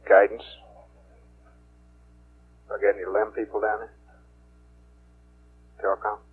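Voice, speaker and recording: A man working as a flight director on mission control radio, speaking in a brisk, businesslike, clipped procedural style. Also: fairly low pitch, flat delivery, narrow, tinny audio. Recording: noisy band-limited radio loop with hum. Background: hiss and hum.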